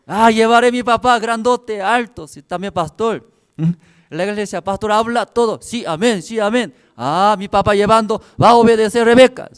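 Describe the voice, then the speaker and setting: A male pastor voicing his small daughter in a high, childish whine while telling a story in a sermon. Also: moderate pace, clean tone, close to an everyday voice. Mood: eager. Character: little girl, tearful and eager.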